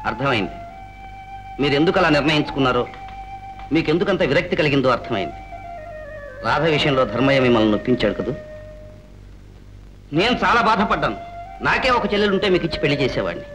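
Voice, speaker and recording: Scheming landlord, smooth persuader, raised voice, swinging intonation, old film soundtrack, faint score. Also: male voice, on the high side, expressive, a bit bright, soft background music. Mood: persuasive. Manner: measured, persuasive, rising to proud anger. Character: scheming middle-aged landlord man, smooth-talking. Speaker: zamindar. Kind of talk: 1960s film acting.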